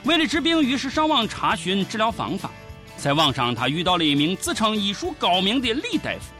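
A man's voice: high-pitched, wildly swooping pitch, a little fast, bright, forceful tone, faint music behind. A man with a Shaanxi accent giving comic news commentary in a mocking, colloquial, sarcastic way. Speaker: host of a satirical news show.

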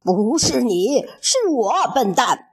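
A woman's voice: on the high side, sing-song, slow, husky, exaggerated voice. A woman voicing an arrogant, boastful king in a storybook tale, speaking in a haughty, commanding way.

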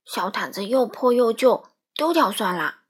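A woman's voice: fairly high pitch, animated, a little slow, breathy edge. A woman voicing a worried young father in a storybook, blunt and firm.

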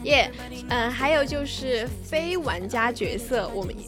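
A woman's voice: fairly high pitch, lively intonation, unhurried. A woman co-hosting a casual podcast chat, playful and giggly. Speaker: podcast co-host. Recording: music playing behind.

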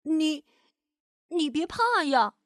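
A woman doing a bright, eager little boy. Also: sits high, takes it slowly, dry recording, studio quality, voice pushed up, heavily acted. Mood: puzzled gentle. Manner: bright, excited, coaxing.

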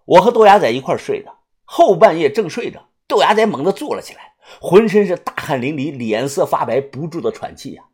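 A woman reading a novel aloud for an audiobook. Her voice is low-set and husky, and it rises and falls freely as she tells the story expressively. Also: sing-song, fairly quick, darkish tone. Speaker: audiobook narrator. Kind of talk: scripted novel narration.

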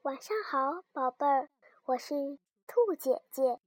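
Very high, slow gentle woman storyteller. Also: lively intonation, music in the background. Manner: soft, slow and gentle, talking to children. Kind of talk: children's bedtime story narration.

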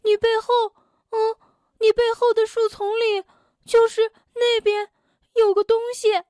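A woman voicing Tiaotiao, a timid young male animal who talks in a nervous, hushed, hesitant way. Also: very high voice, flat delivery, unhurried, no echo, clean studio sound, pitched above the performer's own voice. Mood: nervous whisper.

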